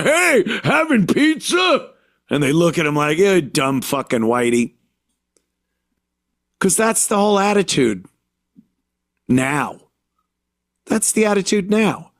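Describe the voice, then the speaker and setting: A man from the United States hosting a podcast, talking alone in an indignant rant full of halting restarts. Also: fairly high pitch, dry recording, clean studio sound. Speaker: podcast host. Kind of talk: podcast monologue.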